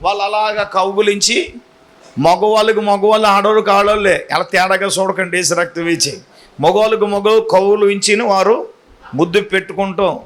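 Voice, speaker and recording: High bright-voiced pastor guy preaching, acting out the story, making the crowd shout answers back. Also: normal speed. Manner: call-and-response, urging the congregation to answer loudly; animated storytelling with acted-out dialogue. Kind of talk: sermon.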